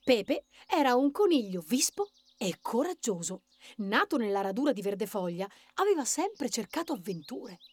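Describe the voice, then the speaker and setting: A woman reading a children's story aloud in a lively, expressive way, doing the characters' voices. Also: a little high, moderate pace, no echo.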